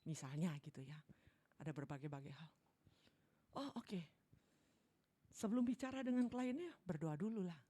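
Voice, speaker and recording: A middle-aged woman preaching a sermon in a church service, acting out worried voices and swinging between loud outbursts and hushed lines. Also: low voice, lively intonation, moderate pace, pauses often, husky.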